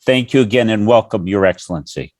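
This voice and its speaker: A man's voice: lowish voice, brisk, darkish tone, dry recording. A man moderating a virtual conference, politely introducing and welcoming a guest speaker over a video call. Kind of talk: formal introduction.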